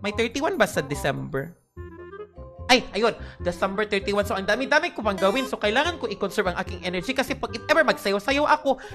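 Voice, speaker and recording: Tired young girl streaming games, kinda high voice, yelps and chats with viewers. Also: fairly bright tone. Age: young adult. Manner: chatty, greets viewers by name, shrieking exclamations. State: tired with a headache. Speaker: game streamer. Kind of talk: casual live-stream chat.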